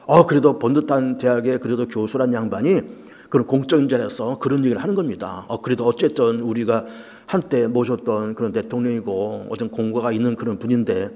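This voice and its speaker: A man's voice: mid-range voice, darkish tone. A man preaching a sermon to his congregation, talking conversationally with many fillers and rising and falling emphasis. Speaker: pastor. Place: church sanctuary. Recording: long church reverb.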